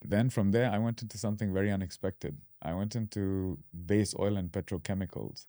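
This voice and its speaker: A man in his thirties from Dubai, guesting on a podcast and explaining things at an easy, relaxed pace. His voice sits very low and sounds warm and mellow. The room is dry, with no echo. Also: fairly quick. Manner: relaxed, explanatory, fillers and restarts. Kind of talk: casual interview.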